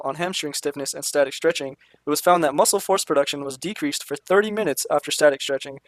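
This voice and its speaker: A man reads scripted explanatory narration in a formal way. He moves quickly at a slightly high pitch, with almost no room sound. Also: dry recording. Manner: formal, reading study findings.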